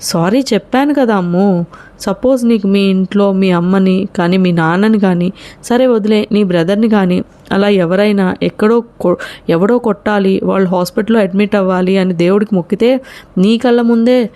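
A woman voicing a gentle young college man who keeps the peace and speaks in a pleading, apologetic way. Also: medium pitch, moderate pace, natural voice. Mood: earnest.

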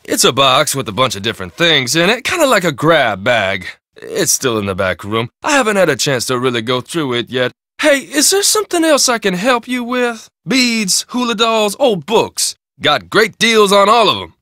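An actor voices a folksy, chatty male shop owner in a video game, a friendly hustler with easy salesman patter. His voice is a little high, sharp and very animated at a moderate pace, in clean studio sound with no echo.

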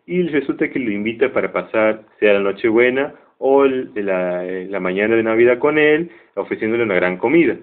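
A man's voice: fairly low pitch, animated, normal speed, few pauses. Chatty man retelling a cartoon, tinny sound. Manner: chatty, joking asides. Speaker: cartoon reviewer.

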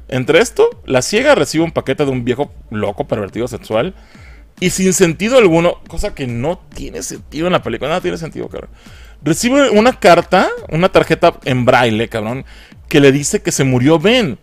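A man's voice: a little high, very animated, moderate pace. A man with a Mexican accent giving a casual, profane film review. He mocks the movie and laughs often.

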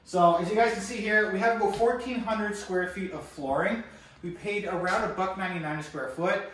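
Brisk and fairly bright, with a voice that sits high, a young Canadian real estate investor leads a tour of his renovation while talking to camera. The recording is echoey, made in an empty apartment with the camera held a few steps away by someone else. He's upbeat, chatty and constantly calls viewers guys.

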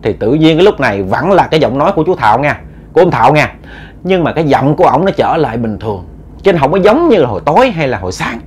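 A man's voice: a little high, very animated, fast, husky. A man with a Southern Vietnamese accent narrating a ghost story in a conversational, earnest way.

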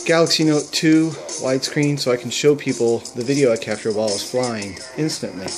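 A paraglider shows off his home-built gear in a casual demo recorded indoors at home. He explains things plainly and matter-of-factly in a medium-pitched voice, though the recording quality is low.

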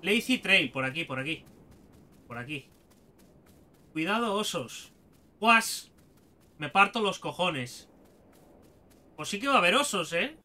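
Man, high voice, very bright tone, excitable, swearing, gameplay commentary. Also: slow, pauses often. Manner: excitable, swears, talks to himself. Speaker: gaming video host. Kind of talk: let's play commentary.

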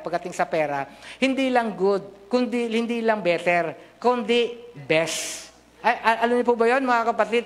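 Middle-aged Filipino pastor preaching. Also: male voice, high voice, a bit bright. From Philippines. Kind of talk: sermon. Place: large church hall with a stage and seated congregation. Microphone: handheld.

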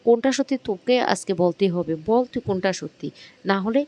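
A man's voice: sits high, animated, brisk, darkish tone. A man voicing a hurt, stern middle-aged mother who speaks with firm, emotional reproach. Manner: pleading then stern.

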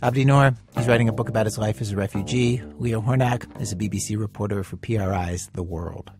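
A man hosting a radio show, reading scripted narration in a measured, conversational way. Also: on the low side, over music. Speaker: radio host.

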